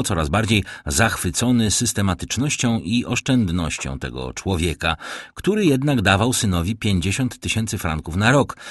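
A man reads a classic novel aloud in a very low, husky voice, letting his pitch rise and fall widely for drama. The recording is close and dry, with no room sound. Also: no echo. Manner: expressive storytelling with wide swings in pitch. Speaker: audiobook narrator. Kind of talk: scripted narration of a classic novel.

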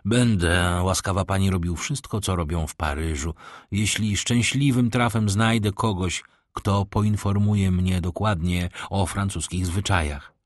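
A man voicing a calm, worldly count who speaks in a measured, courteous way, in an audiobook reading. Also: low voice, dry recording, studio quality.

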